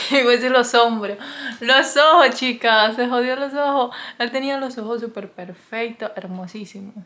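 A woman vlogger casually telling a story to her camera indoors, chatty and full of fillers. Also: a bit bright. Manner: chatty, full of fillers, exclaims in high yelps. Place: indoors, wrapped in a blanket in a cold room.

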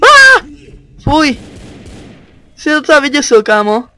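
Teen male let's-player from Czechia, very high and bright, jumpy, curses at monsters. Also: a little hiss or hum. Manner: jumpy, yelps and curses at enemies. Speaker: gaming channel host. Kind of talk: let's play commentary.

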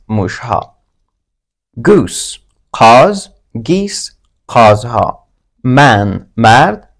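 A male teacher gives a grammar lesson, his voice moving lively up and down at an ordinary middle pitch. He sounds out English example words slowly and carefully, one pair at a time. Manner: slow, deliberate reading of English example words in pairs.

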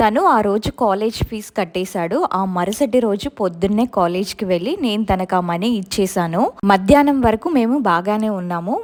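A young woman narrates a ghost story that happened to her, in an earnest, steady voice at an ordinary pitch. She slips English words in and out as she talks, keeping a plain storyteller's pace. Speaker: storyteller recounting her own experience.

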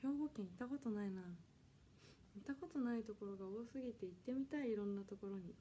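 A woman in her 20s from Kanagawa, Japan, talks fast in a mid-range voice with a dark tone, a little hiss or hum behind her. It's a casual solo livestream from inside her home, tied to an idol audition. She stays polite, voices viewer comments, and says sorry a lot.

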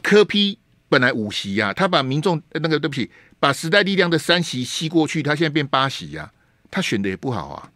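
A man's voice: a little high, sing-song, fairly quick, fairly bright tone, no echo, clean studio sound. A man with a Taiwanese Mandarin accent hosting a radio show, giving emphatic political commentary full of rhetorical questions and dropping in Taiwanese Hokkien words. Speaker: radio talk show host. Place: radio studio. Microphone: studio microphone.

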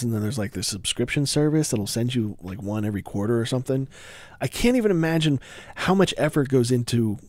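A man's voice: medium pitch, a little mellow, no echo. A man giving a casual board game review, rambling with wry asides and breaking off mid-thought.

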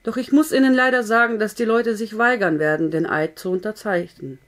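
A woman's voice: medium pitch, brisk, natural voice. A woman reading as a stiff, formal old vicar. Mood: solemn. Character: elderly formal male village vicar.

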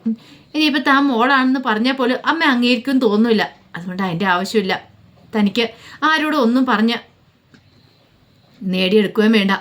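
A subdued young woman, hurt but steady, speaks softly in a told family story, as a woman storyteller puts her on. She stays low and calm, even when pushed. The voice is close to the storyteller's own. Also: brisk, long pauses, close to an everyday voice. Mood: troubled. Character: young woman daughter, quiet, hurt, resigned.

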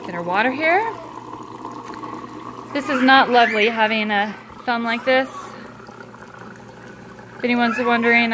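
A woman in her thirties, a mother chatting casually to the camera and her children in her home. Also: medium pitch. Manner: cooing, playful baby talk with her children. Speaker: vlogger and mother of three. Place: family home. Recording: home video with background noise.

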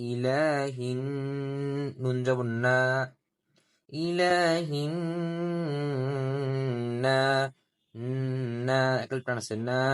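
A man with a smooth, medium-pitched voice gives a slow, letter-by-letter Quran recitation lesson. He spells out letters and vowel marks, repeats each syllable slowly, and chants the verses in a drawn-out, melodic way.

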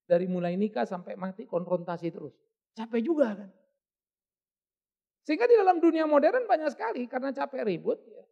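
A man's voice: high voice, vocal fry, muffled recording. A male pastor, preaching a sermon at a church service with playful wordplay and rhetorical questions.

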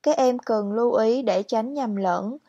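Higher-pitched woman teacher, dictating slowly. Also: mellow, muffled recording. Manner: instructive, dictating example sentences slowly word by word. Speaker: primary school teacher. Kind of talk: scripted lesson narration for children, with passages read out slowly as dictation. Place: voice-over on lesson slides.

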